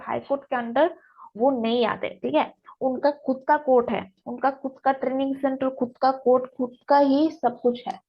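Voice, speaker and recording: A young woman hosting a casual news explainer, checking in with listeners often as she explains. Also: high voice. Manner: chatty, frequent "theek hai" check-ins. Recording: dull lo-fi recording.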